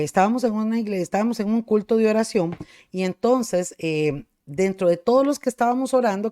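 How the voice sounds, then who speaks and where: A middle-aged woman pastor from Costa Rica, with the accent to match, preaches a sermon and shares a personal testimony with fervor, frequently calling her listeners brothers and sisters. Her voice is medium in pitch and dark in tone.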